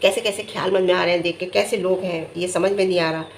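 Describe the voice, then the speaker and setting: A woman's voice: fairly even intonation, fast talker, slight background noise. Indignant middle-aged woman vlogger. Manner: emphatic, scolding, pitch jumps high when indignant. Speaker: vlogger reviewing family vlogs. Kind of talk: casual talking-head commentary.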